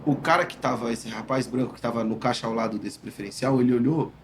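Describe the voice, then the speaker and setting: A Brazilian man earnestly recounting a personal experience in an interview, emphatic and halting with restarts. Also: mid-range voice, noisy background.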